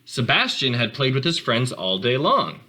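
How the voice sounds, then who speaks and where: At a moderate pace, a man reads aloud from a picture book for children, his tone bright and his pitch swinging expressively. He addresses the young audience directly with casual asides.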